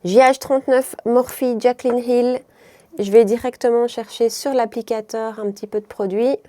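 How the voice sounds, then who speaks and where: A woman's voice: fairly high pitch, fairly even intonation, normal speed, warm tone, no room sound. A woman from Belgium with a mild Brussels accent, chatting through a makeup tutorial in a rambling way, often stopping herself and laughing. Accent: Belgian French, mild Brussels. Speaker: beauty vlogger.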